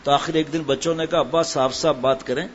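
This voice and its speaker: A man's voice: fairly high pitch, fairly even intonation. A middle-aged man giving a sermon and telling a humorous story, acting out the voices of the people in it. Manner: storytelling, acts out quoted voices. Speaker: Islamic preacher. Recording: dull lo-fi with faint hiss.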